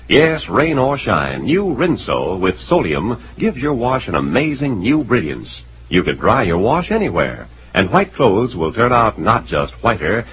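Animated old radio adman, American. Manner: emphatic, sing-out sales pitch. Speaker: commercial announcer. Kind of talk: old-time radio advertisement. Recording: dull, noisy vintage radio recording.

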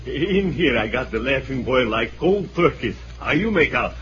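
A loyal sidekick played by a man speaks mid-pitched, comically broken English with a foreign accent. The radio drama sounds dull and vintage. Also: expressive, normal speed, fairly bright tone, close to an everyday voice. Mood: dutiful. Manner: comic, mangled phrasing. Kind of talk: old-time radio drama acting. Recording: dull vintage radio recording, faint noise.

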